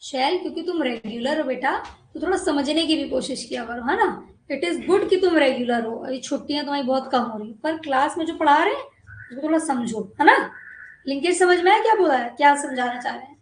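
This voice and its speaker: A woman's voice: high voice, animated, fairly quick, roomy sound, slight background noise, rough recording. A woman biology teacher lecturing a class, coaxing students and often asking whether they have understood. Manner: coaxing, repeatedly checks understanding.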